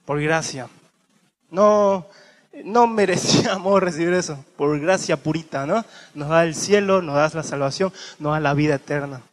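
This sermon comes from a high-pitched male preacher who moves animatedly between extremes. The thieves get slangy, theatrical voices, while his scripture reading turns slow and low.

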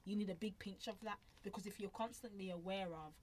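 A woman chatting quickly and animatedly as a podcast co-host, telling stories. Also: mid-range voice, steady tone, a little mellow, slight background noise. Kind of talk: casual chat.

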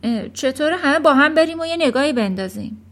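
A woman's voice: high-pitched, lively intonation, a bit bright, pitched above the performer's own voice. A woman reading a children's storybook aloud, voicing a timid, cowardly father who speaks nervously. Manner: nervous, hesitant.

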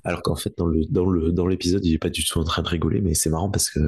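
A man's voice: low-pitched, level tone, fast, darkish tone, slightly rough. A man who is a podcast guest, explaining things at length in casual conversation, with frequent restarts. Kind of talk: casual chat.

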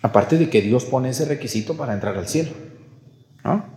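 A Mexican priest preaches in a conversational way, often tossing questions to the congregation. His mid-pitched voice rings around a large church with a long, trailing reverb. He slips into playful voices when he quotes people. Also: lively intonation, moderate pace, a little mellow. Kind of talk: sermon at Mass.

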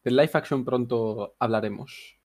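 A man's voice: mid-range voice, a little slow, a crowd in the background. A man with a Melillan Spanish accent, co-hosting a podcast in a laid-back, conversational way. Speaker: podcast co-host. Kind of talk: casual chat.

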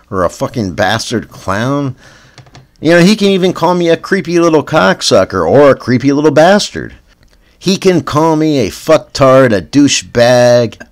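A Canadian-accented man with a mid-range voice hosts a spoof news podcast, reading headlines deadpan before drifting into rambling stoner asides that trail off with "man."

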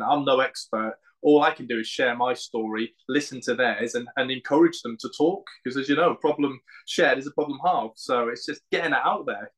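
A man's voice: medium pitch, a bit bright, low-quality recording. A British man speaking as an interview guest in a casual, colloquial and earnest way. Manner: earnest, plain-spoken, colloquial. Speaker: podcast guest, founder of a men's mental health group.

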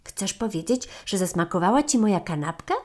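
A woman voicing a young female marmot in a storybook, eager and dreamy, talking high and excitably. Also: takes it slowly. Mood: excited, eager.

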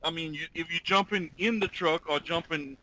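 A man's voice: a little high, normal speed, sharp tone, low-quality recording. A man with a Louisiana Creole accent chatting casually and informally in local slang, as a co-host explaining expressions. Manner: slangy, informal, tells anecdotes. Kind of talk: casual chat.

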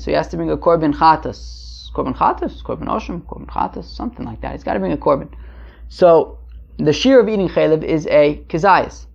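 Male teacher, conversational and halting, gravelly voice, explaining religious text; dull lo-fi sound. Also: a little high. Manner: conversational, halting, asking and answering his own questions. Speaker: Talmud teacher. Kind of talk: informal Talmud lesson, translating as he goes. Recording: muffled lo-fi recording.

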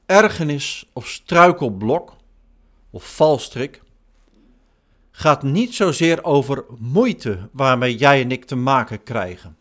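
A man preaching a sermon in slow, measured short phrases. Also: medium pitch, expressive, a bit bright. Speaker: pastor.

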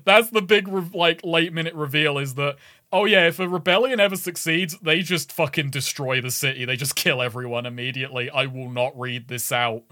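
A man's voice: a little high, fairly even intonation, brisk, sharp tone, no room sound, clean studio sound. A man co-hosting a casual gaming podcast, telling a story animatedly, swearing and laughing often. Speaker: podcast co-host.

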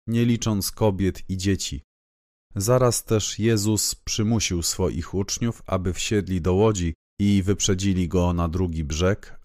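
A man reading scripture aloud in a measured, even, solemn way. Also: sits low, dry recording, studio quality. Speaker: Bible reader.

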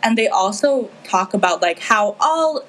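A teenage girl from the Philippines speaks earnestly and with feeling in a casual discussion, filling her speech with lots of fillers. Her medium-pitched voice is animated, a bit bright and a little slow. The low-quality recording carries slight background noise.

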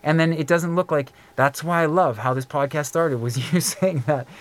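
A middle-aged man hosting a podcast in casual chat, an animated storyteller who fills his talk with "like" and "um" and acts out quoted voices. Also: a little high, normal speed, no echo. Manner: frequent fillers like "like" and "um". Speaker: podcast host.

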